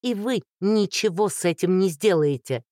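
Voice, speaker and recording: A reader voicing a furious young woman who shouts and taunts in an audiobook. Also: mid-range voice, normal speed, no echo, clean studio sound, voice pushed up, close to an everyday voice.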